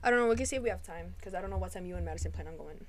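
Brief: young woman, podcast co-host, rapid, cussing, loose slang. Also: fairly low pitch. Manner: blunt, swears a lot, slangy. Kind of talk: casual chat. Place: Massachusetts, indoors.

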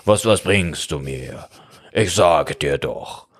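A man voicing a deep, grumbling, complaining large intestine. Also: expressive, slow, no echo, studio quality, exaggerated voice.

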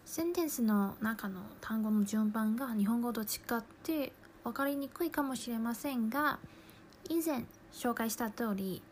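A woman teaching a language lesson, explaining patiently and slowly, drawing out example phrases. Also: on the high side, a little hiss or hum. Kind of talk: slow, careful lesson explanation.

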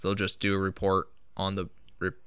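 A man co-hosting a casual talk show, cracking deadpan jokes in easy banter. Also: sits low, brisk, clear, resonant tone, no echo, studio quality. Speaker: podcast co-host. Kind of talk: casual joking chat.

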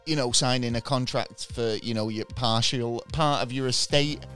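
A man's voice: medium pitch, fairly even intonation, moderate pace, fairly bright tone, faint music behind. A man co-hosting a podcast in casual chat, telling a rambling, jokey story while hiccuping. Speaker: podcast co-host.

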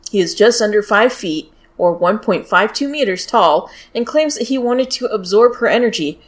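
A woman's voice: medium pitch, lively intonation, moderate pace. Blunt American woman telling true crime. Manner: blunt, sweary, informal. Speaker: podcast host. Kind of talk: casual true-crime storytelling.

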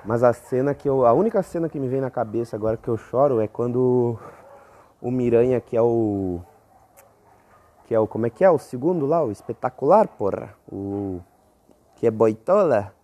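A young man hosting a casual rambling monologue, profane and self-mocking, often breaking into high squeaky exclamations. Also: moderate pace, dark tone. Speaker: podcast host.

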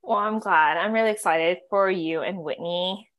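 A woman's voice: lowish voice, normal speed, a bit bright. A young woman in her twenties co-hosting a student podcast in casual chat, chatty and emotional, laughing often.

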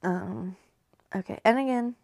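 A woman's voice: mid-range voice, a little slow, vocal fry, darkish tone, no echo, studio quality. Chatty, swearing woman in her thirties. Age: 30s. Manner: chatty, profane, lots of filler words. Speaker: podcast host. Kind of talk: casual movie recap chat.

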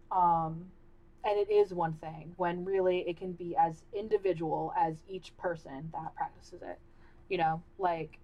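A woman's voice: fairly low pitch, darkish tone, poor audio. A young woman hosting her own podcast in a casual, candid way, rambling with many fillers and restarts, and her voice is starting to wear out. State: losing her voice. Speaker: podcast host. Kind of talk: casual solo podcast talk.

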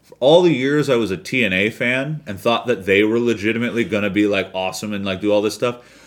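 Man, low voice, podcast co-host, casual rambling, animated, swears. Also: fast talker. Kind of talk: casual chat about pro wrestling.

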